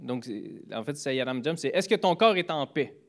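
At normal speed and a fairly high pitch, a man tells laid-back anecdotes on greetings and politeness. He hesitates often, with many fillers and restarts, and livens up by lifting his voice on quoted phrases in this storytelling chat.

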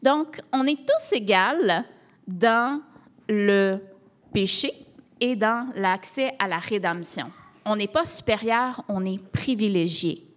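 A woman pastor from Canada, with a Québécois French accent, preaches a sermon at a middle pitch. She keeps it conversational, asking rhetorical questions and tossing in casual tags as she explains. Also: animated, slow.

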